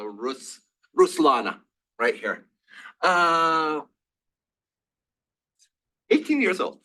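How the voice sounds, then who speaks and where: A man giving a classroom lecture, talking in halting bursts with many fillers and restarts. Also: medium pitch, bright, forceful tone, rough recording. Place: lecture room.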